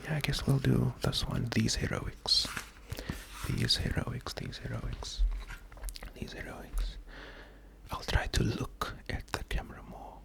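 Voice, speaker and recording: Reading poetry ASMR-style, this man keeps to a hushed, half-whispered, breathy voice full of vocal fry at a medium pitch. He goes slowly and calmly, his melody flat and even, often repeating words as he stays gentle and unhurried throughout.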